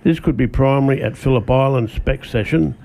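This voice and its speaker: A man's voice: medium pitch, fairly quick, creaky, dark tone. An Australian man co-hosting a radio motorsport show, reading a scripted report aloud from his notes and stumbling now and then. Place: radio studio.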